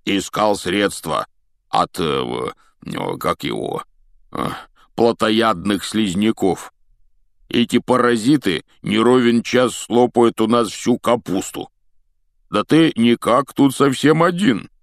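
Picture a huge, rough-spoken gamekeeper, voiced by a man, with a low, gravelly growl and a slow, halting, folksy way of talking. The audiobook voice sits close and dry, with no room sound around it. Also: lively intonation, no echo, exaggerated voice. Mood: gruff. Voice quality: growling, raspy. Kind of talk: audiobook character voice.

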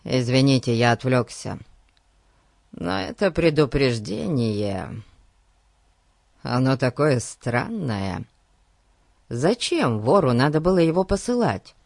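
A man reading the part of a confident teenage boy detective who speaks calmly, with a sarcastic edge. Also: mid-range voice, creaky, dry recording, clean studio sound, exaggerated voice. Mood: puzzled. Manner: calm, sarcastic.

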